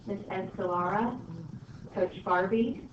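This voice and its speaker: A woman's voice: mid-range voice, slow pace. Woman, school intercom announcement, formal list-reading, distant speaker, echoey, muffled, hissy. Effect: over the school intercom. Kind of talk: public address announcement. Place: classroom hearing the school PA.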